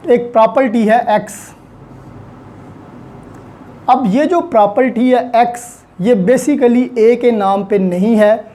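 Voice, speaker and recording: A slightly mellow, mid-range voice carries this law lecture, given by someone with a Pakistani accent who explains methodically and step by step with examples. Urdu is the main language, with English legal terms woven in.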